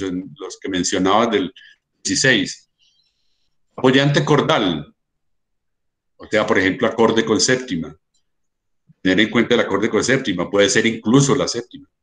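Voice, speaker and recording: A man's voice: mid-range voice, a bit bright. Colombian male music lecturer, methodical, filler-heavy explaining. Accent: Colombian Spanish. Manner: explanatory, sings rhythms in syllables, many fillers. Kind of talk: online lecture.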